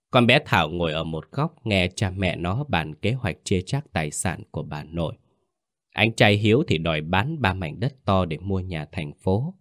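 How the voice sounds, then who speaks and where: Deep-voiced male ghost story narrator. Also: no echo, studio quality. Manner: calm, measured storytelling.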